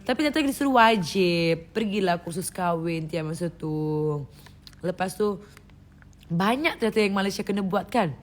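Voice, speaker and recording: A woman from Indonesia chatting on a live stream, lively and loose, who laughs often. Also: fairly low pitch, normal speed. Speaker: livestream host. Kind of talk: casual live-stream chat. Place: indoors, live stream from a phone.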